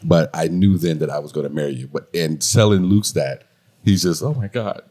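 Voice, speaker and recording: Man, very low voice, casual podcast co-host, joking, teasing, laughs often. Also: moderate pace, darkish tone. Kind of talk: casual chat.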